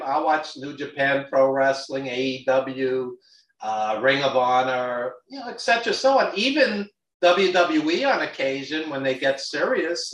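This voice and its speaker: A man's voice: a little high, fairly bright tone. A man from New York with a Brooklyn accent, chatting casually in a blunt, opinionated way as a guest. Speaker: guest, wrestling industry insider. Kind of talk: casual chat. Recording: roomy, echoey, distant from mic.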